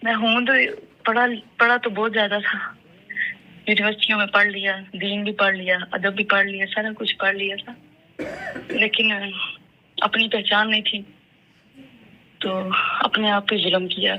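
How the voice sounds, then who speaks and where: A woman from Pakistan calling in on the phone to give a halting, earnest, self-reproaching testimony. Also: medium pitch, level tone, dull audio, slight background noise. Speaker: caller giving testimony. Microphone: phone line.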